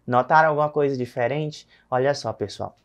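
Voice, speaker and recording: A Brazilian man teaching a recorded Spanish lesson, addressing viewers directly and slowly drawing out each number. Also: mid-range voice.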